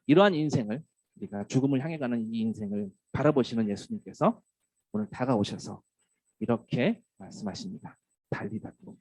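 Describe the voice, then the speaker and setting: A man, a pastor, preaching a sermon, who now and then acts out tender lines in a soft voice. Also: medium pitch, brisk, dry recording, low-quality recording. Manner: lively, acts out tender wake-up calls in a soft voice.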